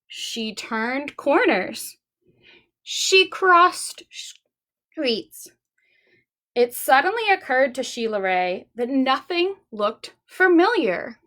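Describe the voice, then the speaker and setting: Hosting a library storytime, a woman with a high voice reads and talks to young children in an expressive, deliberate way.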